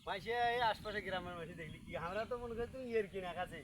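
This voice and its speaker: A man's voice: sits high, racing, slight background noise, natural voice. A man playing a mocking villager. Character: village man coaching how to cry.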